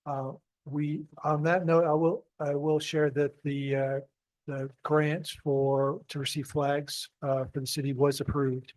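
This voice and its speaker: A man giving civic announcements as a city official, in a halting, hesitant way. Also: on the high side, level tone, darkish tone, rough recording. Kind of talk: informal public announcements.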